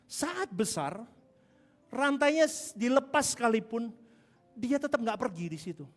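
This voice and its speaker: A male pastor preaching a sermon. He swings from hushed asides to shouting and calls the congregation to answer back. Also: very high-pitched, big pitch swings, measured pace. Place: large church hall. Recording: long hall reverb with music behind.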